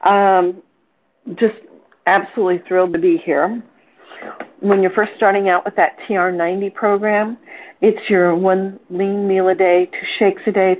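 Over a telephone on a conference call, an older Portland, Oregon woman leads a wellness support session with informal coaching talk. She's cheerful and chatty, using fillers and correcting herself, in a lowish voice with slight background noise.

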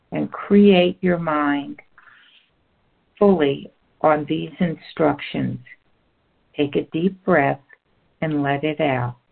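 A relaxation guide talks you through a body-relaxation script at an unhurried, drawn-out pace. The voice carries a gravelly, fry-laced texture, and the whole recording sounds thin and tinny, like it's coming down a phone line. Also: medium pitch. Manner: slow, soothing, instructional.

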